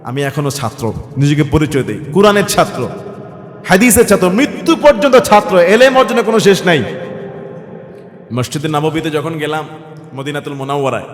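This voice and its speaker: A man from Bangladesh with a Bangladeshi Bengali accent preaching a waz sermon, firing rhetorical questions at the crowd and swinging between soft passages and shouts. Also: on the high side, moderate pace. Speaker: Islamic preacher. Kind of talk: waz sermon with Quran recitation. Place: religious gathering (waz mahfil). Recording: roomy hall with long reverb.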